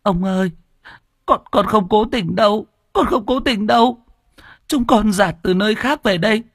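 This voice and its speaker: A man's voice: high-pitched, moderate pace, no room sound, studio quality, pitched above the performer's own voice. A man voicing a frightened, starving little peasant girl who stammers and begs through tears. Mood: pleading. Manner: tearful, begging, stammering.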